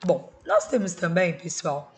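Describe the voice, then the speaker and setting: Lower-voiced woman teaching a lesson. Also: a little slow. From Brazil. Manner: explains step by step with tag questions. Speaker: Portuguese teacher. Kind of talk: recorded school video lesson.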